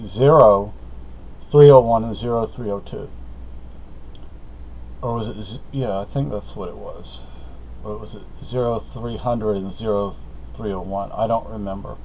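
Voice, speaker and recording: In a rambling personal monologue, this Spanish vlogger, middle-aged and a native Spanish speaker, wanders through a story, correcting himself and using many fillers. His voice is mid-range and dark. The slightly dull lo-fi audio carries a little hiss or hum.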